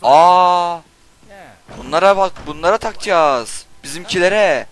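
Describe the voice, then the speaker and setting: A young man doing Let's Play commentary, swearing and shouting insults at game characters while he plays. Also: high-pitched, expressive, measured pace. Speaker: gaming channel host.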